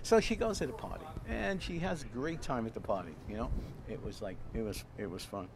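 Older man, gravelly voice, rambling storyteller, noisy outdoor recording with traffic. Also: medium pitch, brisk. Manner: chatty, laughs often, repeats words. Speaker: cooking show host. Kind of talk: rambling storytelling while cooking. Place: outdoors at a grill. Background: outdoor ambience, passing traffic.

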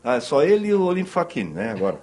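A man in his fifties with a Brazilian Portuguese accent hosts a cooking show on an indoor TV studio kitchen set, cooking at the counter while he talks. His mid-range, darkish voice is very animated and racing. The casual chat is joking and rambling, and he keeps interrupting himself.

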